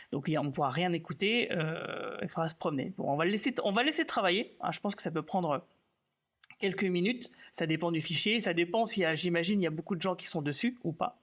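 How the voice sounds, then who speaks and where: A man walking viewers through a software demo on a live stream, in a loose, unscripted way. He jokes at his own expense and thinks aloud, filling pauses with hesitations and restarts. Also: high voice. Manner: relaxed, self-mocking, thinks aloud with many fillers. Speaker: graphic designer teaching software on a live stream. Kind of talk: casual live tutorial.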